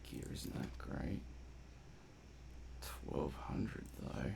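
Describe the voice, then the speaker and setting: Over a noisy background, a game streamer and commentator drags out his words while half muttering casual, playful reactions to what he's playing.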